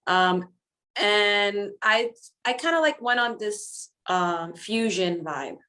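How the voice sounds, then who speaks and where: A woman's voice: mid-range voice, animated, takes it slowly. Chatty woman singer, Dominican-raised. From Dominican Republic. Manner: chatty and warm, laughs often, switches between English and Spanish. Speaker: singer guest. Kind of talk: casual interview answers.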